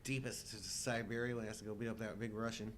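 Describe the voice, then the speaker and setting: Co-hosting a live show, a middle-aged man talks fast in a flat delivery, chatting casually and humorously about movies with wry, jokey exaggeration. A noticeable low rumble runs underneath the recording.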